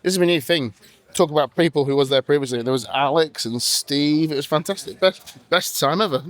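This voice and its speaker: A man's voice: on the high side, fairly quick. A tired man hosting a casual travel vlog, chatty, jokey and rambling. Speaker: vlog host.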